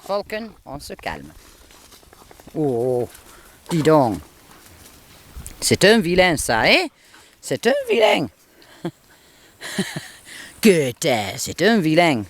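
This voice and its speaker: A man's voice: fairly high pitch, big pitch swings, extremely slow, long pauses. A man filming by a lake outdoors on a camcorder, talking to his dogs in coaxing, cooing baby talk with sing-song exclamations. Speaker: dog owner filming a home video.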